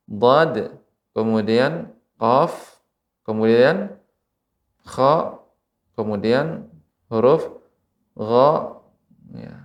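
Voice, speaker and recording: A man from Indonesia teaching Quran recitation rules on television, speaking slowly and patiently and repeating each example word. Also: medium pitch. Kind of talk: televised tajwid lesson. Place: TV studio.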